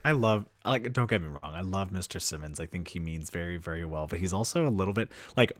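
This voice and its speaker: A man with a very deep voice chats on a podcast, upbeat and quick with his reactions. The sound is dry and close, with no room around it. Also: expressive, no echo. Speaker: podcast co-host. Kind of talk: casual chat.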